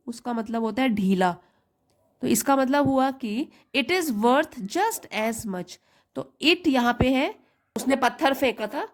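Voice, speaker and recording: A woman teacher, reading a story phrase by phrase and explaining each part in Hindi. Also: fairly high pitch. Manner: reads English phrase by phrase, then explains it in Hindi. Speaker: English teacher. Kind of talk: slow bilingual reading lesson.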